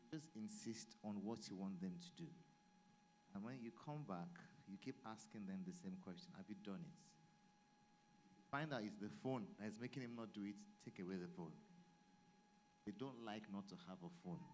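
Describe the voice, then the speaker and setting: A man's voice: on the low side, a little mellow, a little hiss or hum, rough recording. A man speaking as a father at a church family program, giving firm, insistent advice. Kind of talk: contribution to a group discussion.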